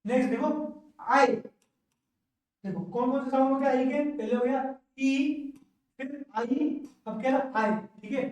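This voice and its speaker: A man teaching English pronunciation in a classroom lesson, slowly repeating each word twice for learners to echo. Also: very high voice, darkish tone. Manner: says each word twice, slow drilling. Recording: very echoey room, voice from far off.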